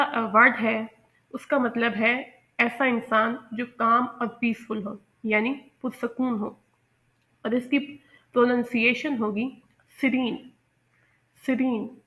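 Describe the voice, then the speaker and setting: A woman teaching English pronunciation in a patient, explanatory way, repeating each example word slowly. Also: a little high, bright, forceful tone. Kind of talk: explanatory lesson.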